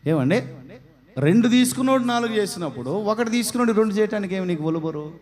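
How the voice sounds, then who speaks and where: Male pastor, fairly high voice, sermon delivery, rhetorical questions, loud calls for response traded with quiet low asides. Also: lively intonation, fast. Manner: rhetorical questions, calls the congregation to answer aloud; swings between loud exhortation and soft low asides.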